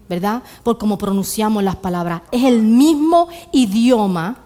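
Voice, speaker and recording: A woman's voice: fairly high pitch, darkish tone. A woman with a Puerto Rican accent preaching a church sermon, asking the congregation rhetorical questions and repeating her key lines. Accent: Puerto Rican Spanish. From Puerto Rico.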